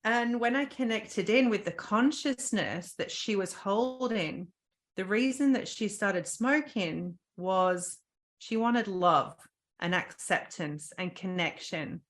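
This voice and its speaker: A woman's voice: medium pitch, expressive, takes it slowly. A woman guest on a podcast, earnestly telling a personal story with frequent ums and restarts.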